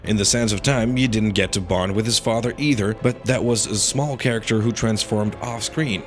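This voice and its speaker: A man's voice: fairly low pitch, moderate pace. A man narrating a scripted video game review in an opinionated, critical manner. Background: faint background music.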